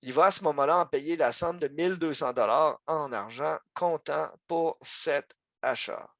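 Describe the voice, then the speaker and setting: A man's voice: a little high, normal speed, vocal fry, fairly bright tone, no room sound, muffled recording. A man with a Quebec French accent giving a local history lecture over a video call, conversational, with many fillers and asides. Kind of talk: history talk, online lecture.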